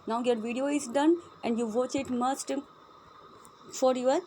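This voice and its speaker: A woman's voice: high-pitched, fairly even intonation, extremely slow, a little mellow, slight background noise. A woman teacher with an Indian accent explaining a school lesson to her students, switching between Hindi and English and calling them beta. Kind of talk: online class lesson.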